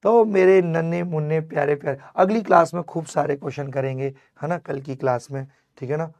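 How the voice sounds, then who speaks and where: A man teaching an online chemistry class with a strained, fading voice. He speaks to his students warmly and fondly, mixing in English terms. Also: on the high side, a little fast. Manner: affectionate, calls students "my child", mixes English terms. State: losing his voice, strained throat. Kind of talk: energetic online class lecture.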